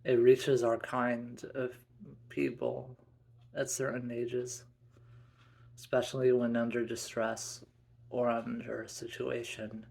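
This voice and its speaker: Guy telling a family story in first person, slow and easygoing, gravelly voice. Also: medium pitch, completely flat delivery, darkish tone.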